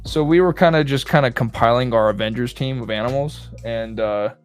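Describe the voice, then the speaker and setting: A man's voice: medium pitch, brisk, clean tone, soft background music. A young man chatting as a podcast guest, rambling with lots of fillers. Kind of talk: casual chat.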